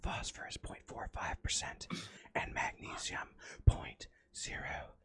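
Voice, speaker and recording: A streamer in a joking ASMR livestream, whispering in a mock-soothing way and echoing their own words over and over. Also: takes it slowly.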